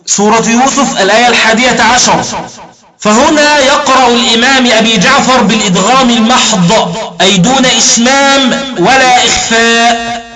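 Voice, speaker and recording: A man teaching Quran recitation rules in an explanatory lecture, often checking that his listeners follow along. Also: very high voice. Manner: keeps checking in with listeners, recites verses slowly.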